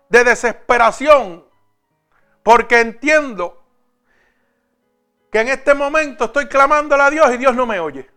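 High bright-voiced preacher man. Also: smooth. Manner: reads scripture slowly, then preaches directly to listeners. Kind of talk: sermon.

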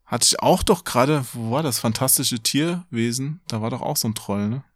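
A male podcast co-host reads a fairy tale aloud at an even, middling pitch. He keeps breaking off for playful, joking asides, and his voice sounds dry and close. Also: moderate pace, no echo.

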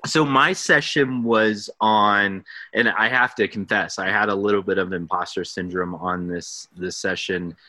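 A man's voice: fairly low pitch, steady tone, measured pace, few pauses, sharp tone, dry recording. A man hosting a podcast interview, chatty and self-deprecating, laughing often. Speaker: podcast host. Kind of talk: casual interview.

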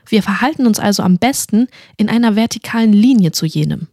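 A woman's voice: medium pitch, lively intonation, brisk, dark tone, no room sound, clean studio sound, close to an everyday voice. A woman voicing a studious, earnest young witch who lectures her companion in a fantasy audiobook. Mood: instructive. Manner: instructive, lecturing.

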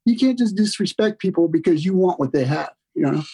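A male podcast guest with a raspy, husky voice. He chats casually in a laid-back way, often halting and circling back over his phrases. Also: high-pitched, lively intonation, dark tone. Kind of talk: casual chat.

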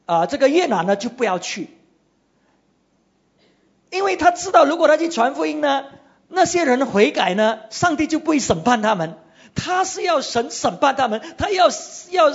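Preacher retelling a scripture story, husky and animated, on muffled lo-fi audio. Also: mid-range voice. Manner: animated storytelling with frequent "ah" fillers. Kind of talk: sermon.

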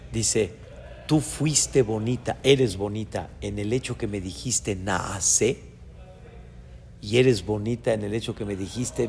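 A man teaching as a rabbi, giving a Torah lesson in a lively way that swings between loud emphasis and soft asides. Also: medium pitch, gravelly. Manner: chants short verses in the original text. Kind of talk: Torah lesson on a biblical text. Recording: reverberant hall with faint background noise.

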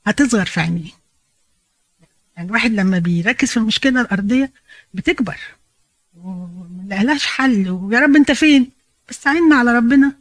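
A woman's voice: on the high side, no echo. A woman with an Egyptian Arabic accent gives a conversational Bible teaching, explaining in a chatty way and slipping in English phrases.

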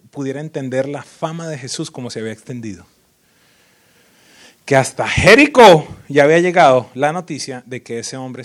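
A man preaching a sermon as a pastor, lively and full of sudden loud rises and teasing impressions of worshippers. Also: a little high.

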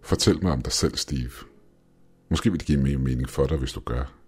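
A man voicing a quiet, unreadable man with a cane who seems to know everything, speaking evenly. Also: very deep voice, faint music behind. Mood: calm, knowing. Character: calm, all-knowing man with a cane.

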